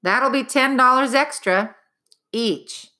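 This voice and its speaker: Woman playing a brisk hotel clerk. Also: sits high, sharp tone, pitched above the performer's own voice, heavily acted. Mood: matter-of-fact. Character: bald, businesslike male hotel clerk.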